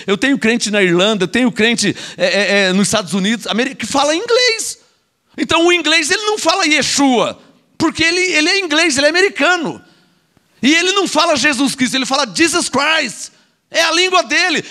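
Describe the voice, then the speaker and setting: With an extremely high, sharp-toned voice, a man with a Brazilian Portuguese accent preaches a sermon as an apostle. He scolds and turns sarcastic, tossing in mocking asides and repeating words.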